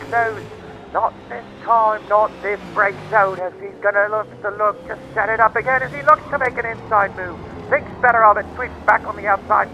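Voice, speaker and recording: A man plays an excitable 1950s motorsport announcer with a very high-pitched, forceful voice. He calls the race in theatrical, dramatic play-by-play, like vintage game commentary. There is some background noise behind him. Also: heavily acted, low-quality recording.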